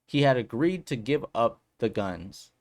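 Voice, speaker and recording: A man's voice: medium pitch, lively intonation, a little slow, darkish tone. A man hosting a casual commentary vlog who talks in an upbeat, slangy way and then reads a news article aloud. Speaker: political commentary vlogger.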